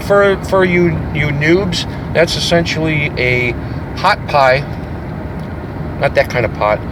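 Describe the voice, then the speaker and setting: Rambling middle-aged man vlogging from a car. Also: a little high. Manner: rambling, jokey, self-interrupting. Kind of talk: casual road-trip monologue. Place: inside a car on the road at night. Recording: car engine and road noise.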